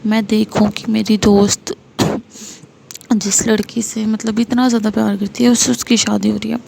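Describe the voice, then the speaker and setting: A woman voicing Tara, a young woman who is a stern but caring friend, in a flat storytelling delivery. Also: mid-range voice, normal speed, vocal fry, a little hiss or hum. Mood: soothing.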